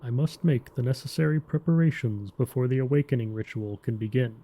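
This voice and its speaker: A man voicing a solemn, earnest Tauren druid disciple who speaks gravely and formally in a fantasy game story. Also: mid-range voice, warm tone, close to an everyday voice. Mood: grave, urgent. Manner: grave, deliberate druid speech, formal phrasing.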